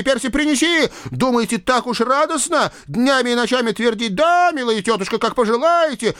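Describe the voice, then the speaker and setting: A man voicing a greedy, hysterical young male devil student in an audiobook, ranting in a shrill voice. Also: a bit bright, clear, resonant tone, no room sound, studio quality. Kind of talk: audiobook character voice.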